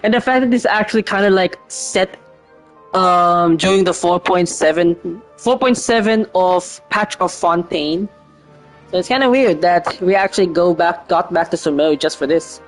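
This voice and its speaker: Faint game music runs behind a man's high-pitched voice as he streams, talking at normal speed. His gameplay commentary is casual and hesitant, rambling, with plenty of free swearing.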